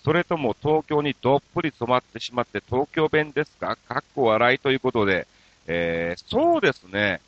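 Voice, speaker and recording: This radio host chats casually over listener mail, joking at his own expense in a playful mix of Kansai dialect and standard Tokyo speech. He speaks briskly in a mid-range voice with big swings in pitch, and the recording is dry and dull.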